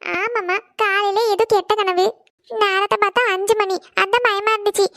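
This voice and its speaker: A woman's voice: very high-pitched, fairly even intonation, fairly bright tone, dry recording, clean studio sound. A woman voicing a sulking, tearful college girl in a cartoon who whines and pleads. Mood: sulky. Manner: whiny, pleading, drawn-out. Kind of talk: cartoon voice acting.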